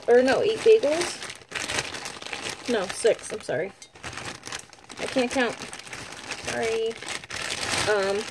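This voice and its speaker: Mellow-voiced woman chatting through a review. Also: medium pitch, a little hiss or hum. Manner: chatty, rambling, many fillers; talks while eating. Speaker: vlogger reviewing food. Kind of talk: casual product review vlog.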